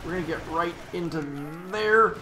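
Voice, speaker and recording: A man's voice: mid-range voice, normal speed, background noise. A man live-streaming a strategy game, giving casual, upbeat, rambling commentary, correcting himself and cheering on his troops aloud.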